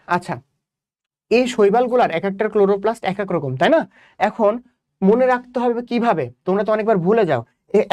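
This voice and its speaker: This biology tutor, a young man from Bangladesh, has a high, somewhat dark voice and a Bangladeshi Bengali accent. The recording is clean and studio-like with no room sound. He goes over exam-prep material, restating points and posing rhetorical questions to quiz his students.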